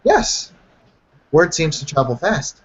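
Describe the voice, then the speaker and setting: A man voicing a newcomer woman with a heavy Middle Eastern accent, halting and searching for words. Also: a little high, very animated, slight background noise, voice pushed up. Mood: guarded. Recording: dull lo-fi sound.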